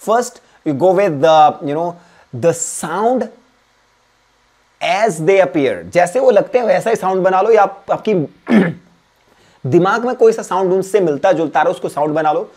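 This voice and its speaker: A man teaching an English spelling lesson. He mixes Hindi and English, repeats words and spells them out letter by letter, and often clears his throat. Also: high-pitched, expressive, slow pace, darkish tone. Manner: switches between Hindi and English mid-sentence. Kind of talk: exam-prep spelling lesson.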